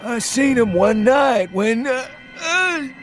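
Haunted ancient man in a storybook reading, high and slow, rustic drawl. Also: animated. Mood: urgent, ominous. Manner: rustic old-timer dialect, drawling and insistent. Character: terrified ancient male townsman, rambling and haunted. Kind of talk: audiobook character voice. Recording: music underneath. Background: music.

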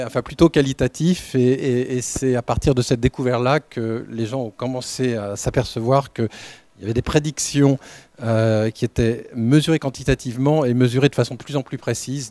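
A man giving an unscripted welcome talk as director of a research lab, halting, with many fillers and restarts. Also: medium pitch, darkish tone, no room sound. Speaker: lab director opening a training session.

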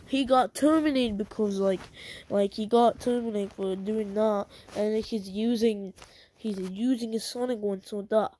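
A woman's voice: mid-range voice, dark tone. A woman hosting her own channel, ranting angrily in repetitive slang and swearing a lot. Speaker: channel host. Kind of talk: angry ranting vlog.

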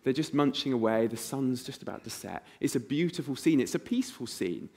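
Guy preaching in a church, vivid storyteller, slips into hushed voices. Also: mid-range voice, expressive, a little fast. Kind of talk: sermon.

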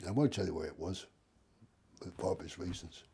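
Casting note: an old man in his seventies who spins rambling yarns, with a husky, gravelly voice. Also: low voice, normal speed, warm tone. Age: 70s. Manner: rambling, with many restarts and acted-out dialogue. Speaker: interviewee. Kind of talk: casual anecdote telling.

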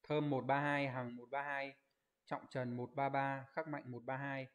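A man teaching an online Japanese exam review class. He explains each answer step by step, keeps asking his students to confirm, and reads out their comment answers in a quick list. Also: mid-range voice, little pitch movement. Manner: explains step by step, asks rhetorical check questions.

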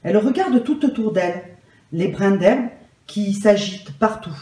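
A woman reads a story aloud in a calm, measured way. Her voice is mellow and warm, with mid pitch. The recording has a roomy echo. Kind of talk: gentle read-aloud storytelling.

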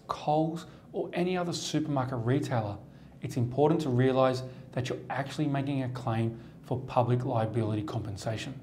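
Mellow Australian man reading to camera. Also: medium pitch. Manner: measured, formal, steady delivery. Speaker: lawyer presenting a firm's explainer. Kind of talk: scripted explainer to camera. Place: studio set at a desk.

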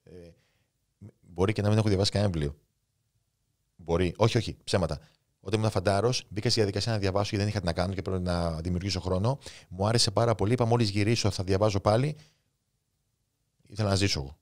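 A man in his thirties with a Cypriot Greek accent, a guest author and coach speaking in a casual interview with an impulsive, emotional, spontaneous storytelling manner. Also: low voice. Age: 30s.

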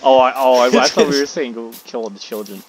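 A man's voice: medium pitch, quick pace, a crowd in the background, rough recording. A young man hosting a casual gaming chat with friends, joking and wrapping up the episode. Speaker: gamer hosting a let's play.

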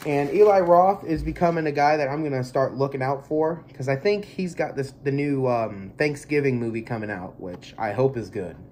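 A movie collector vlogger in his twenties talks at a moderate pace with hardly any pauses, his medium-pitched voice darkish. Congested from allergies, he rambles easygoingly and with plenty of filler through an unboxing in a small bedroom, and his close webcam mic adds a little hiss or hum.

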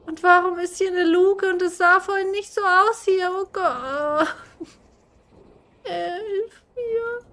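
A woman's voice: extremely high pitch, fairly even intonation, normal speed, hardly any pauses, bright, forceful tone. A young woman giving casual commentary on a horror game she is playing, jumpy and swearing, screaming at the scares. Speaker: gaming streamer.

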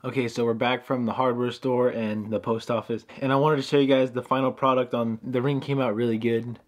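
A young man vlogging casually to camera from his home workshop and his car, relaxed and full of "like" fillers. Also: mid-range voice, fairly quick, faint music behind. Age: young adult. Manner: relaxed, talks straight to camera with frequent "like" fillers. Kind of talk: casual vlog narration.

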